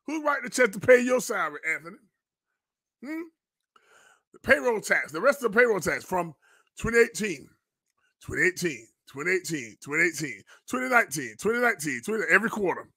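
Speaking a little fast in a high, very animated voice with a sharp tone and breathy edge, a man who is a pastor and online show host gives an indignant live-stream commentary. Like a preacher, he repeats phrases and fires rhetorical questions with emphasis. There is no room sound.

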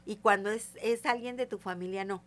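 In a casual interview, the older woman, a psychic, vividly narrates stories and voices the characters' quoted lines herself. Her medium-pitched voice keeps a steady tone at a normal speed.

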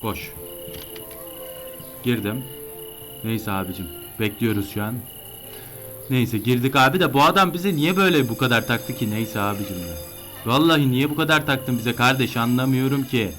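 A man commenting live on a horror game he is playing, excitable and panicky when chased. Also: medium pitch, normal speed, long pauses, soft background music. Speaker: gameplay streamer.

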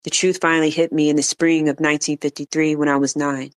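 An audiobook reader narrating an autobiography aloud in a measured, even manner. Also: medium pitch.

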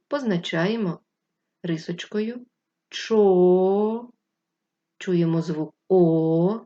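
A woman leads a lesson for young children, talking slowly and clearly and stretching out syllables. Her voice sits a little low, and the recording sounds dull and lo-fi. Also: a little mellow. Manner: patient, speaks to children, draws out syllables. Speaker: primary school teacher. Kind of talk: slow, clear remote lesson for first graders.

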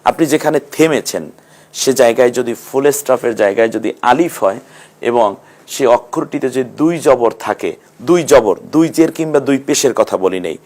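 A man's voice: medium pitch, a little mellow. A man teaching Quran recitation rules in an online lesson, explaining patiently and chanting short verse examples.

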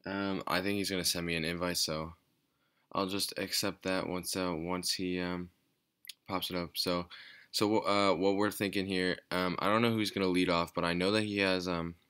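A man giving casual, off-the-cuff game commentary in a quiet, low-energy, hesitant and rambling way. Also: little pitch movement, normal speed, clean tone. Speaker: gaming channel host. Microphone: speaking away from the mic at times.

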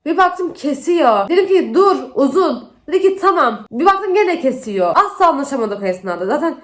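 A woman's voice: high voice, a little fast. A young woman with the flu, telling a story in a casual makeup vlog, exasperated and acting out the dialogue. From Turkey. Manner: animated, exasperated retelling with acted-out dialogue. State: has the flu. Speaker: beauty vlogger.

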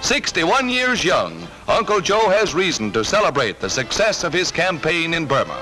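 A man narrating a 1940s wartime newsreel in a brisk, punchy, patriotic manner, heard as an old newsreel soundtrack. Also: fairly high pitch, wildly swooping pitch, low-quality recording. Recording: narration over loud music.

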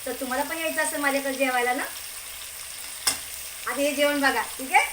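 Chatty high-voiced woman cooking at home. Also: fairly even intonation, fairly quick. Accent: Marathi. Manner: chatty, keeps asking "okay?" and telling viewers to look. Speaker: home cooking channel host. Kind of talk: casual cooking demonstration. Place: home kitchen. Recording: echoey kitchen with cooking noise. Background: sizzling pan and clattering pots.

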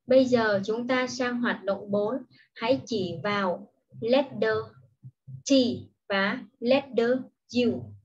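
A woman teaching English at primary level talks young children through an online lesson at a very relaxed, patient pace. Her voice is a bit husky and fairly high; she first explains each word, then pronounces the English version with care, frequently repeating it. The sound quality is dull and lo-fi.

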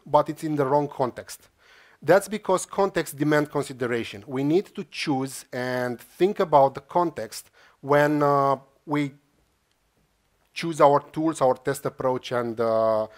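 Speaking to a crowd in a large lecture hall, a Romanian man delivers a conference talk with a fairly high voice. He stumbles through it, restarting often and leaning on "uh" fillers.

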